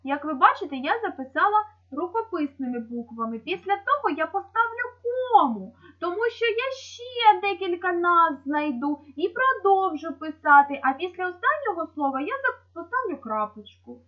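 A woman's voice: extremely high pitch, big pitch swings, moderate pace, few pauses, muffled recording. A woman teaching young children in a video lesson in Ukrainian-accented speech, patiently explaining each step. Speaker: primary school teacher.

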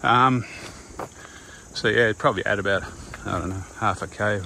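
A man's voice: fairly low pitch, normal speed, sharp tone. An older man around his sixties with an Australian accent chats casually and colloquially as he records a walking vlog. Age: older, around 60s. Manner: laid-back, rambling, colloquial. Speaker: vlogger. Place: outdoors on a windy coastal walking path. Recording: clear wind and outdoor ambient noise.

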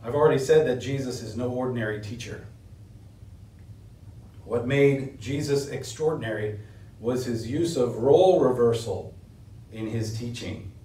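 A man's voice: a little slow, long pauses, warm tone, far from the mic. A middle-aged man preaching a sermon at a lectern, earnest and building force on key points. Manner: earnest preaching, rising in pitch and force when stressing points. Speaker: pastor. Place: small indoor room, standing at a lectern. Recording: roomy echo, voice set back from the mic.

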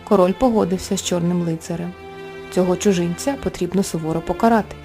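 A woman narrating a bedtime fairy tale in a gentle, expressive storytelling manner. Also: fairly low pitch, fast. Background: soft background music.

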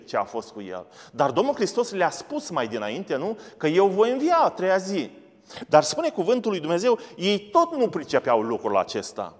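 Animated male preacher in a reverberant hall. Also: mid-range voice. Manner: animated preaching, asks and answers his own questions. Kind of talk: sermon. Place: church studio.

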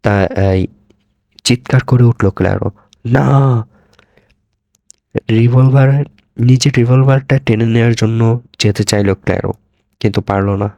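A man narrating a scripted horror story in a measured, dramatic reading. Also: mid-range voice, steady tone, vocal fry, a little mellow, dry recording, muffled recording.

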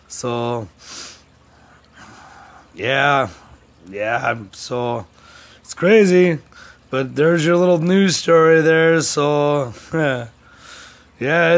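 A man vlogging in a crude, profane rant, swinging between shouting and low muttering. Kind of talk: profane ranting commentary.

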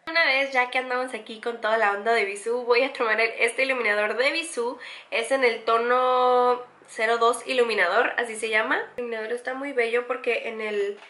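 Chatty young woman, bright echoey voice. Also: fairly high pitch, fairly even intonation, a little fast. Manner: chatty, enthusiastic, repeats words for emphasis. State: pregnant. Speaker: beauty vlogger. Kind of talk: makeup tutorial.

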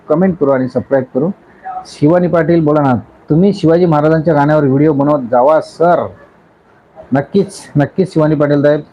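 A man's voice: on the high side, muffled recording. A man from Raigad hosting a casual live stream. He greets commenters one by one in a chatty, effusive way. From Raigad, Maharashtra, India. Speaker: YouTube live-stream host.

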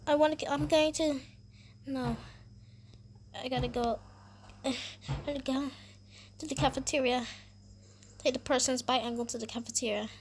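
A woman voicing her game character, narrating her own actions playfully and repeating phrases excitably. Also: high voice, normal speed, pauses often, a little hiss or hum. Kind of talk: playful game voice-over role-play.

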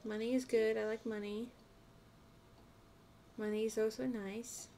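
Slow-talking woman streaming a game. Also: a little high, level tone, dark tone, a little hiss or hum. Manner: rambling, talks to herself while playing. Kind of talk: casual live gameplay chat.

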